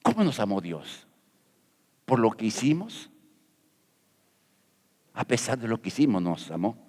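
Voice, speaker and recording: A man's voice: fairly low pitch, big pitch swings, a little slow, darkish tone, in a large hall. A middle-aged man from Peru preaching a sermon as pastor, folksy and jokey, asking rhetorical questions.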